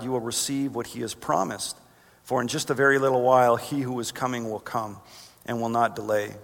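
Male pastor, mid-pitched, earnest sermon delivery, long hall reverb. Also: fairly bright tone. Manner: earnest, rises in pitch for emphasis. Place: church sanctuary.

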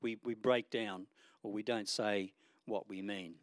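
A man preaching a sermon in an earnest, conversational way. He often pauses on ums and restarts, and he rises and falls in volume for emphasis. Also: lowish voice, fairly even intonation, no echo, clean studio sound.

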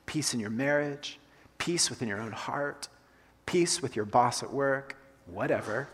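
A Colombian-raised pastor with a medium-pitched, breathy-edged voice delivers a conversational sermon, repeating his main phrases for emphasis. It's recorded in a church sanctuary with long hall reverb.

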